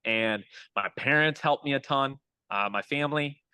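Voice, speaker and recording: A man's voice: mid-range voice, moderate pace, pushed and bright, clear, resonant tone, dry recording, rough recording. A young adult man, a hitting coach, talking as a guest in a casual interview, upbeat and motivational. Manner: upbeat, motivational, pep-talk phrasing.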